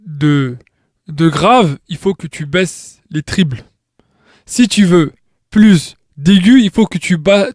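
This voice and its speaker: Guy w a bit high voice walking thru a tutorial, keeps asking "ok?", dry sound. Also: darkish tone, no echo. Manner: explains step by step, keeps checking with "d'accord?"; frequent restarts and repeated words. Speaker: tutorial maker. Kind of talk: informal tutorial explanation.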